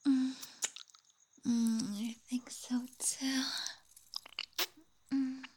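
A woman speaking in a teasing, taunting whisper for a roleplay audio, with soft hums and sighs between lines. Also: sits high, flat delivery, drawn-out words, a little hiss or hum. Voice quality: breathy. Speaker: voice actor.

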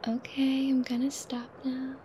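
A woman performing an intimate ASMR roleplay, talking in a soft, breathy whisper with quiet laughs. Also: sits high, monotone, a little slow, slight background noise.

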